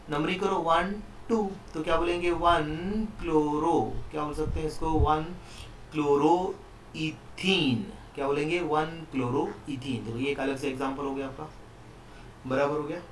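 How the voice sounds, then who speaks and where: A man with a fairly high voice teaches chemistry, working through each step and often asking his students questions. He is some distance from the mic in an echoey room, with faint noise in the background. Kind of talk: online chemistry lesson.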